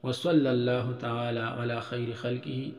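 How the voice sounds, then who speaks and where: A man's voice: mid-range voice, little pitch movement, measured pace, a little mellow. A man teaching an Arabic lesson, patiently explaining each point and drawing out the example words. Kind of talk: recorded religious-school lesson. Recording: roomy hall echo.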